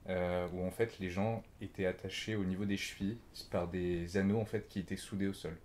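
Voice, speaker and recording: Deep-voiced man, hesitant storytelling. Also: steady tone, a little fast, darkish tone, slight background noise. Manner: hesitant storytelling, keeps saying "en fait". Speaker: podcast host. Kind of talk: casual conversation.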